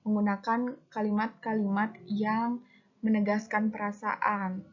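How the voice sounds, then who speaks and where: A woman's voice: medium pitch, flat delivery, measured pace. A woman giving a recorded lesson to students, explaining step by step with fillers as she reads out examples. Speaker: teacher. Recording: dull lo-fi recording.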